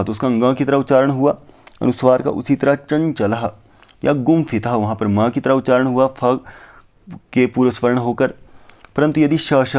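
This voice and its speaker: A male teacher gives a patient, step-by-step lecture. He poses questions to himself and answers them, repeating key terms. When he quotes verses, he slows down and recites them carefully. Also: mid-range voice, darkish tone. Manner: recites Sanskrit verses slowly. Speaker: Sanskrit teacher. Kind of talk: explanatory lecture on phonetics.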